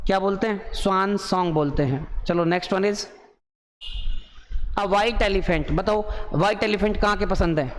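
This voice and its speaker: An Indian man teaching an idiom lesson, his voice high and lively. He reads each English phrase slowly, then rushes through the explanation, asking questions and answering them himself. The room has a long echo and faint noise behind him. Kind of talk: exam-prep lesson on idioms.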